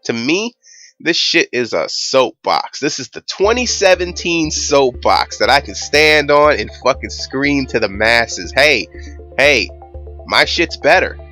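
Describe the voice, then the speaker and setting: A man's voice: mid-range voice, lively intonation, a little slow, pushed and bright, soft background music. A young man hosting his own channel, ranting casually with rambling, swear-filled emphasis. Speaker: YouTube channel host.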